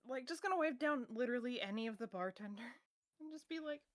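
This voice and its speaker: A woman's voice: on the high side, animated, brisk, dry recording, studio quality. Casual, joking female tabletop player. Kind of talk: tabletop role-play, in and out of character.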